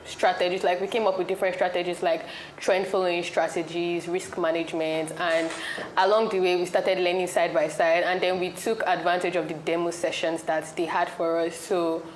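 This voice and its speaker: A woman's voice: on the low side, level tone, normal speed. A young Nigerian woman giving an explanatory answer as an interview guest. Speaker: interview guest, trading competition participant. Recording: echoey room, faint noise.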